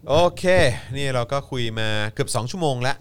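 A man's voice: mid-range voice, brisk, smooth. A man hosting a casual talk show, chatty and heavy on polite sentence endings.

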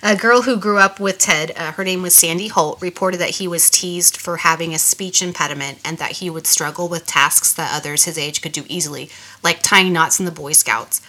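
A woman co-hosting a podcast, her voice stuffy and nasal from a recent illness. She reads from her notes in a casual way, with small restarts. Her tone is bright and somewhat low. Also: normal speed. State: nasal from a cold. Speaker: podcast co-host.

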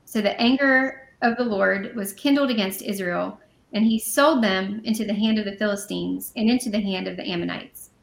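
A woman's voice: medium pitch, moderate pace, vocal fry, roomy sound. A woman co-hosting a casual podcast, reading Bible passages aloud and then explaining them in a chatty way with fillers and self-corrections. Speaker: podcast co-host.

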